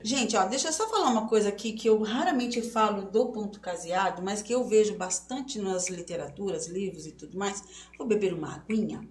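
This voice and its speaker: A woman's voice: mid-range voice, fairly quick, a little mellow. A middle-aged woman teaching embroidery stitches in a live online class, explaining step by step and often checking that viewers follow. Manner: chatty, explains step by step with many checks like "tá certo?". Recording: roomy echo, faint noise.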